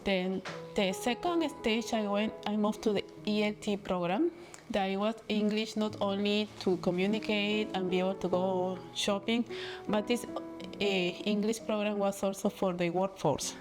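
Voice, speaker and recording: A woman's voice: medium pitch, a little slow. Woman, careful testimonial. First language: Spanish. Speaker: former participant. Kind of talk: personal testimonial. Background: background music.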